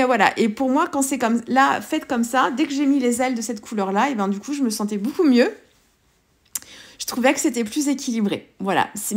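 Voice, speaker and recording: A French-accented woman talks casually through her art journal page. Her voice sits a little high, and she hesitates often, with fillers and restarts. It sounds like a relaxed craft tutorial voice-over.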